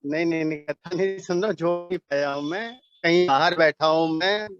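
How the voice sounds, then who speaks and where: A man's voice: a little high, music in the background. Man on a crackly, breaking-up phone line. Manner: hurried, apologetic explaining. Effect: crackly phone line that keeps cutting out. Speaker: student in an online class. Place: sitting outdoors for signal.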